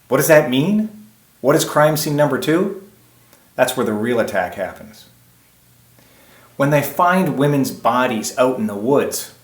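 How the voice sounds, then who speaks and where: A man delivers an emphatic self-defense lesson, setting up rhetorical questions and answering them himself. His voice sits in a middle pitch. The room around him is noticeably echoey. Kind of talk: instructional presentation.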